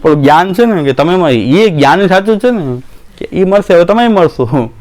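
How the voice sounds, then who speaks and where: A man's voice: sits high, animated, moderate pace, a little mellow. A man giving a devotional discourse, folksy, acting out quoted voices and laughing often. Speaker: religious teacher.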